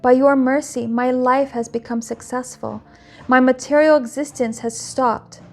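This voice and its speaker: A woman's voice: high-pitched, fairly even intonation, measured pace. A woman voicing a young male divine teacher in a scripture reading, fervent and earnest. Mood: grateful. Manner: earnest, instructive reading of quoted speech.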